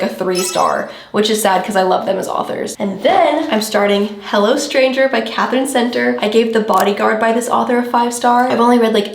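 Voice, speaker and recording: A young woman with a mid-pitched voice talks casually about books to her viewers. Her phrasing is informal and conversational, often sprinkled with "like". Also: creaky. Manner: informal, peppered with "like". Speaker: book vlogger.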